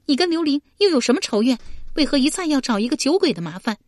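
A woman voicing a proud, quick-tempered young swordswoman who snaps back sharply in an audiobook. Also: sits high, sing-song, no room sound, studio quality, pitched above the performer's own voice. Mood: demanding. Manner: sharp, indignant retorts.

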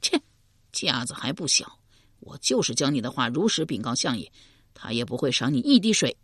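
A cheeky, uneducated male house servant in a historical audiobook, brash and bossy, as a woman narrator puts him on. The voice drops low and a little quieter, rattling off lines quickly with a slightly husky edge. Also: sing-song, no room sound, clean studio sound, full character voice. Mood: scornful.

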